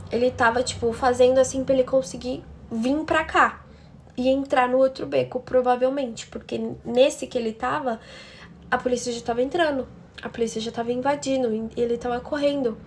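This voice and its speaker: Uma mulher brasileira que conta de forma dramática uma história pessoal, falando diretamente com as ouvintes. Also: female voice, high-pitched, flat delivery, moderate pace, darkish tone, a little hiss or hum. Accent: Brazilian Portuguese. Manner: dramatic, talks straight to her listeners. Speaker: storytelling channel host. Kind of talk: emotional first-person storytelling.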